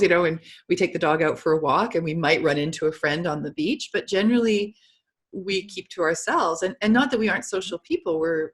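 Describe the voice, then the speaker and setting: A middle-aged woman co-hosting a casual video-call chat, agreeable and quick to laugh. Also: on the low side. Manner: chatty, agreeable, laughs often. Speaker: co-host of essential oils show.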